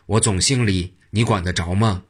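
A man voicing an irritable, touchy street food seller in a spoken storybook, low and husky. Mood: indignant. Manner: touchy and quick to anger. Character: irritable middle-aged male tripe seller.

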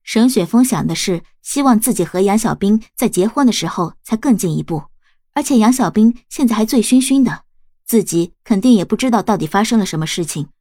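Calm woman reading a storybook. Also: medium pitch, brisk, dry recording, studio quality. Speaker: audiobook narrator. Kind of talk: storybook narration.

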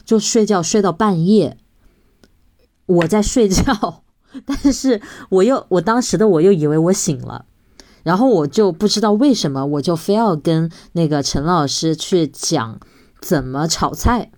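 A woman co-hosting a podcast in casual chat, telling stories with lively feeling. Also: fairly low pitch, unhurried. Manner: lively storyteller, retells scenes with feeling. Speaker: podcast co-host.

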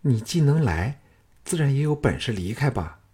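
A male narrator voicing a tender, wistful young palace consort in a raised, hushed voice. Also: mid-range voice, very animated, moderate pace, slightly rough, voice pushed up.

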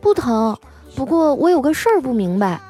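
A woman voicing a cheeky, unbothered young female coworker who answers back in a high, bouncy way. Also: sing-song, moderate pace, music in the background. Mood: sassy.

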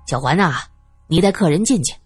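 A brisk, courteous house steward, played by a woman in a lowered voice, polite and businesslike. There is a slightly breathy edge to the voice in a dry recording. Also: animated, soft background music.

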